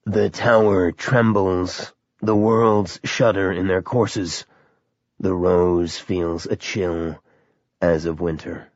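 A man voicing a menacing, inhuman male creature in a yellow coat who speaks slowly in a buzzing, meditative, lecturing way. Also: sits low, dry recording, muffled recording. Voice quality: buzzing, slow and measured.

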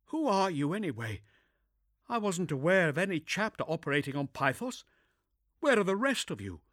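A man voicing a sharp, anxious young female inquisitor with a strained, breathy voice and quick, insistent questions. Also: high-pitched, big pitch swings, no room sound, clean studio sound, pitched above the performer's own voice. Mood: urgent.

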